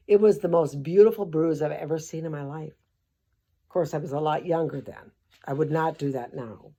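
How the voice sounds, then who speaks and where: A woman's voice: fairly low pitch, a little mellow. An older woman reading a children's book aloud and breaking off into sarcastic, rambling asides with mild swearing. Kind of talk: comic storybook commentary.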